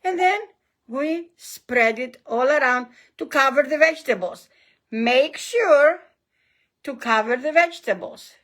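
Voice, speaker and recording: A high-pitched woman with a Greek accent hosts a cooking demonstration in a bright, forceful voice. She takes her time, giving encouraging, emphatic instructions and often repeating herself. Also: animated, a little slow. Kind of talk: hands-on recipe demonstration.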